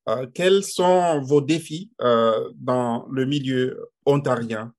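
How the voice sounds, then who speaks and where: A man's voice: mid-range voice, takes it slowly, darkish tone. A man interviewing a guest, asking long questions broken up by many fillers and repeated words.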